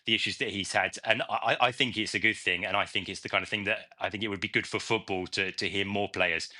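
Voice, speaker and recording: Fast, bright-voiced male football pundit. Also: on the low side, steady tone. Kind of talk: studio panel discussion.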